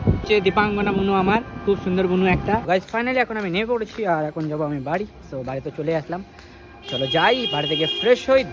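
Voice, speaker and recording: A young man chatting casually to his viewers in a daily vlog, talking quickly and calling them guys. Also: sits high. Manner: rapid chatty talk, addresses viewers as guys. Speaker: daily vlogger.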